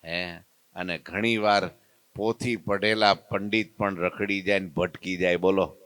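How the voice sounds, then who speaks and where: Lively preacher telling a story. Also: male voice, low-pitched, a little slow, no room sound. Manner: lively, acts out the story's characters in their voices. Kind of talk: devotional storytelling sermon.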